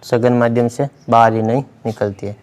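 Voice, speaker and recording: A man gives a blackboard science lesson, explaining step by step and repeating key words as he writes. His voice sits at medium pitch with little movement, moderately paced and darkish in tone.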